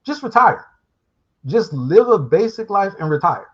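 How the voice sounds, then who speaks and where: Man on a muffled call, a bit high. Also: very animated, a little slow, fairly bright tone, slightly rough. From Guyana. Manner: rambling, reflective, street slang. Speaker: guest calling in. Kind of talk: casual live-show discussion. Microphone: remote call.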